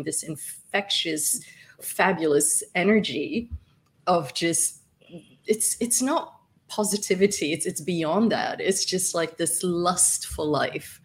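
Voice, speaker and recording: Gravelly-voiced woman gushing with fillers. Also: on the low side. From Somalia. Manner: effusive, laughs often, many fillers and restarts. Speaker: podcast guest. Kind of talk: casual interview chat.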